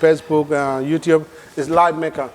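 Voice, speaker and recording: A man from Sudan speaks, his voice sitting a touch higher than most men's. He tells his story as an interview guest, halting often and leaning on "you know" and "like" as he feels his way forward. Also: little pitch movement, a little hiss or hum.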